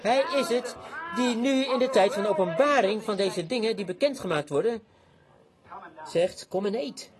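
Excitable preacher guy, high voice, congregation noises all around him in the church. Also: moderate pace, a crowd in the background. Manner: exclaims and repeats words. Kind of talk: fervent sermon. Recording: congregation audible behind.

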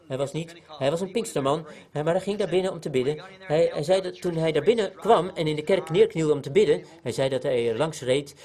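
A preacher delivers his sermon in a fairly high voice for a man. He speaks earnestly, repeating himself for emphasis as he tells stories, and his voice climbs and grows louder on the points he wants to drive home. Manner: earnest, repetitive emphasis, voice rising on key points. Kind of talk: sermon with storytelling.

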